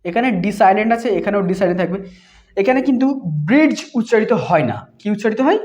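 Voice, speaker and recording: A woman teaching a beginner reading lesson. She spells letters out one by one, repeats words slowly, and asks questions that she answers herself. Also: medium pitch, a little mellow. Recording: dull lo-fi recording.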